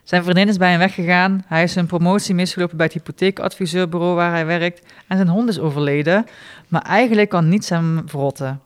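A man reading his short stories aloud in a dry, deadpan way, with small spoken asides. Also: high-pitched, fairly quick, clean tone.

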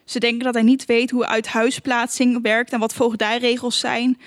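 A woman narrating an audiobook in a calm, measured, even reading voice. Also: fairly high pitch, no room sound, clean studio sound. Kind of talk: scripted narration.

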